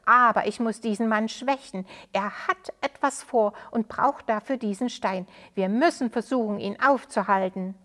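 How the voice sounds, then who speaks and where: A man's voice: high-pitched, moderate pace, few pauses, bright, forceful tone. A woman reading a children's story, voicing a small, frightened but honest boy who speaks earnestly and pleads.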